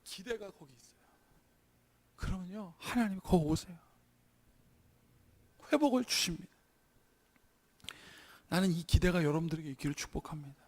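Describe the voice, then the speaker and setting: A man's voice: sits high, normal speed, long pauses, darkish tone. A male pastor preaching a sermon in a church, telling stories earnestly and growing emphatic. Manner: earnest storytelling that turns emphatic. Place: church sanctuary.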